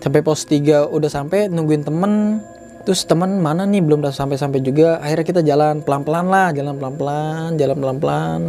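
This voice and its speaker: A man's voice: a little high, fairly quick, dark tone, soft background music. A man in his twenties telling a personal story in a loose, chatty way. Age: 20s. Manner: chatty, loose, fills sentences with "gitu" and "Bang". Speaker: guest storyteller. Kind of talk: casual storytelling.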